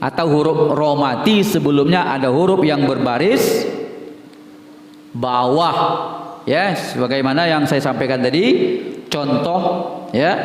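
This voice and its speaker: A man teaching Quran recitation, demonstrating sounds and repeating examples slowly. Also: mid-range voice, slight background noise. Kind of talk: Quran tajwid lesson. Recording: echoey hall, from afar.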